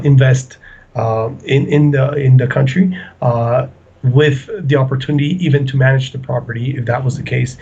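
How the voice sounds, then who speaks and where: A man answering interview questions about his real estate company, pausing often with fillers and restarts. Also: mid-range voice, gravelly, darkish tone, husky, lo-fi sound. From Ecuador. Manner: hesitant, many fillers and restarts.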